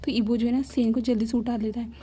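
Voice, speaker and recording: A woman's voice: fairly high pitch, flat delivery, quick pace, dark tone, a little hiss or hum. A woman casually retelling a fanfiction story, rambling along with frequent fillers.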